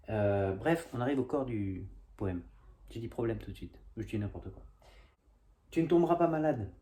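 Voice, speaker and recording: A man's voice: fairly low pitch, warm tone. A man at home reading his own humorous poem, with self-mocking asides between the verses. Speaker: amateur poet reciting his own poem. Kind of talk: casual home video poetry reading. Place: at home, indoors.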